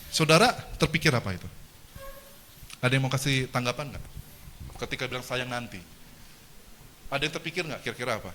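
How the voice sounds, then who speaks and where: A man giving a lively seminar lecture, asking the audience questions and joking with them. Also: medium pitch, a little hiss or hum. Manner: animated, engages the audience with questions and jokes. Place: lecture hall.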